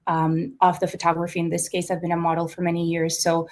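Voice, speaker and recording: A young woman from Costa Rica talks through her ideas in an interview, pausing on "um" and "uh" as she goes. Her voice sits a little low for a woman, and she speaks with a steady, reflective flow. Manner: thoughtful, many fillers and restarts. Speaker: artist guest. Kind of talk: conversational interview.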